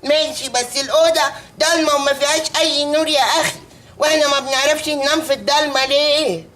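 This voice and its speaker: A woman's voice: sits high, fast talker, fairly bright tone. An actress playing a fretful woman in a sitcom who keeps complaining and pleading. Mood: whiny. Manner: whiny, complaining. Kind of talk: sitcom acting.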